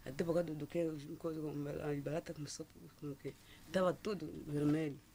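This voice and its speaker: A middle-aged woman gives a personal testimony as a listener, halting and often restarting and repeating words. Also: sits low, steady tone, mellow, a little hiss or hum. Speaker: listener telling her story.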